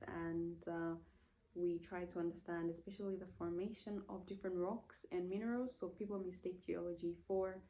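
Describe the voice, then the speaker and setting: A woman's voice: fairly low pitch, a little mellow, rough recording. A woman in her late twenties from Zambia, chatting casually on her vlog in a rambling, self-correcting way with many fillers, while saying she feels hot in the room. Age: late 20s. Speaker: vlogger. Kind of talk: casual get-to-know-me vlog. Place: indoor room.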